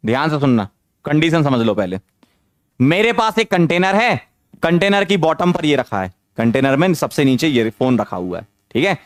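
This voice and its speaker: A man teaching chemistry in an online lecture, energetic, firing questions at students and repeating phrases to drive points home. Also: mid-range voice, no room sound, clean studio sound. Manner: mixes English terms into speech.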